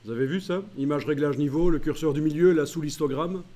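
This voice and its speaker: Male software trainer, mellow tone, talks through each menu step with frequent hesitations. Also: on the high side. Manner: walks through menu steps aloud, many "euh" pauses. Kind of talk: screen-recorded tutorial.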